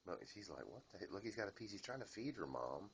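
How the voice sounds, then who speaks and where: Low-voiced man cooing at his pets. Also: big pitch swings, quick pace, a bit bright, a little hiss or hum. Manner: chatty, coos and talks baby-talk to his pets. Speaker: pet owner filming at home. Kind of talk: casual home video commentary. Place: home room.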